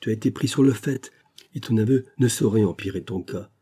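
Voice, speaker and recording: A man reading aloud plays an outraged middle-aged banker father who shouts accusations at his son. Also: lowish voice, brisk, breathy edge.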